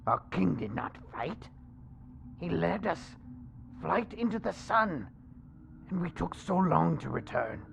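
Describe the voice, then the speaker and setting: A man voicing a zealous kobold cult preacher in a tabletop game, creaky and solemn, preaching slowly and theatrically to his acolytes. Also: a little high, big pitch swings, fairly bright tone, highs cut off, slight background noise, heavily acted. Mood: bitter. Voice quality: creaky, gravelly. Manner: solemn, slow, theatrical sermon delivery. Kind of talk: in-character tabletop game monologue.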